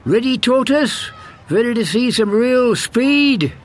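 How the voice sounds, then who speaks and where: A man voicing a boastful young male hare who brags and taunts in a high, lively voice. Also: slow pace, heavily acted. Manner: brash, bragging.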